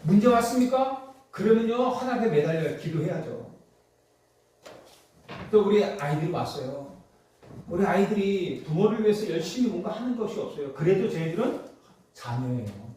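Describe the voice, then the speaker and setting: Male preacher, high and animated, insistent rhetorical questions, heard from a distance in a reverberant church. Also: normal speed, pauses often. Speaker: pastor. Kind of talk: sermon. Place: church sanctuary. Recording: echoey church hall, distant mic.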